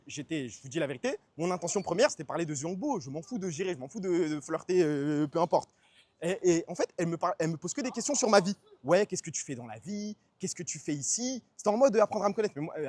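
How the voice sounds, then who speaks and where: A young man telling a story on a casual outdoor stream, quick and slangy, acting out the people he quotes. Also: sits high, darkish tone, no room sound. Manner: fast slangy storytelling, acts out quoted voices. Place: outdoors on city streets. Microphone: phone stream mic with noise suppression.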